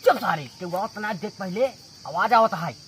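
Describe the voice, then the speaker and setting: A man's voice: high voice, normal speed, a bit bright, distant mic. A man with an Awadhi accent playing a curt, bossy village drinking buddy in an amateur comedy skit. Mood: bossy, hushing. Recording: noisy outdoor recording with insects.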